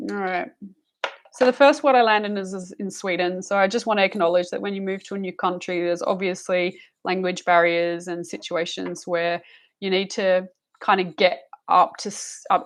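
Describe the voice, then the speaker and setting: A woman giving a live psychic reading, soothing and rambling, calling the listener love and honey. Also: medium pitch. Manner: rambling with frequent restarts and fillers. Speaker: psychic reader.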